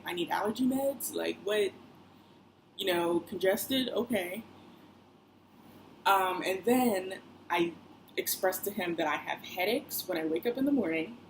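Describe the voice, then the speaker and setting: A woman's voice: fairly low pitch, rough recording. A young woman vlogging in a chatty, rambling way, full of fillers and side remarks. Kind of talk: casual personal vlog. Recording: faint background noise.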